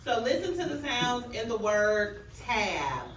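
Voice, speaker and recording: Calmly firm woman teacher, bright voice, echoey classroom. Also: on the high side, slow pace. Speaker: elementary school teacher. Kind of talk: classroom phonics lesson. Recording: distant mic, echoey room, faint noise.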